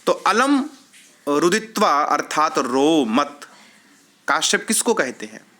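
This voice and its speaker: Guy teacher going over sanskrit for an exam, keeps asking then answering himself, bouncy pitch, bit high. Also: sing-song, slow pace, pushed and bright. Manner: explains line by line, asks and answers his own questions; repeats "theek hai" as a check-in. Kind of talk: exam-prep lecture.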